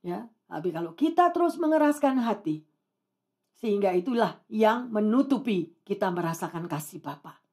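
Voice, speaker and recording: A middle-aged woman pastor preaching a sermon in a colloquial way, speaking straight to her listeners and swinging between loud exclamations and hushed lines. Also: mid-range voice, animated, moderate pace. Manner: colloquial, addresses listeners directly.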